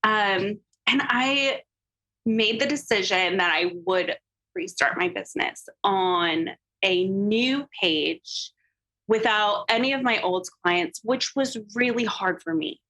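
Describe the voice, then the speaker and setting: A woman's voice: medium pitch, slow pace, bright, forceful tone, low-quality recording. A woman speaking as a podcast guest about her photography business, telling an emotional personal story openly and filling her talk with "like" and "um". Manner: emotional and open, heavy use of "like" and "um" fillers.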